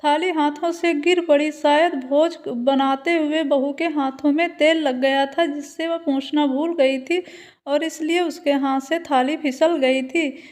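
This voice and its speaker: A woman narrates a moral story in a steady, plain storytelling voice. Her voice sits high. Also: unhurried.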